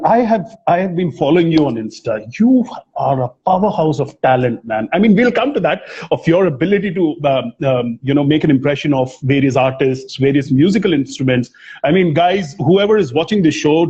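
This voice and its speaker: A man's voice: on the high side, darkish tone, husky, lo-fi sound. A male host chatting enthusiastically in a casual interview, heaping praise on his guest.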